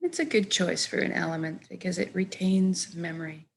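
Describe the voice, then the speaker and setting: A woman guides a meditation with a slightly low, steady, creaky voice, delivering soothing instructions gently and at a measured pace, her soft phrases trailing off. There's a little hiss or hum in the recording.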